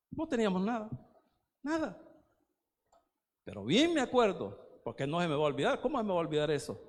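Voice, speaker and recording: A man preaches to his church, telling personal stories and repeating key phrases for emphasis. His voice sits a little high and swings widely in pitch. The sound rings with the long reverb of a church hall. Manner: animated, personal storytelling with emphatic repetition. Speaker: pastor. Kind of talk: sermon.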